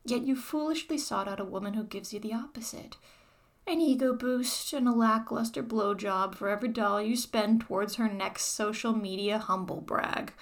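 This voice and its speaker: A woman playing a mocking, controlling former dominatrix in a whispered audio roleplay, talking to the listener in a slow, taunting way. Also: medium pitch, natural voice.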